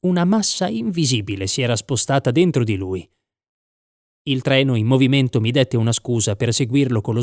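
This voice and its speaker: A man narrates a first-person story in a measured, reflective way. His mid-range voice sounds dry and close to the mic, with no room sound. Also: mid-range voice, a little mellow, no echo. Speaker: audiobook narrator.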